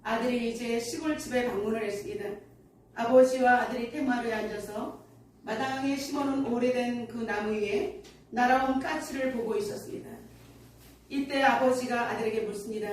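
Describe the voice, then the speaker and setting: A woman's voice: on the high side, moderate pace, slight background noise. A woman pastor preaching a sermon earnestly and telling a story, recorded in a church sanctuary from a distance. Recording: echoey church hall from afar.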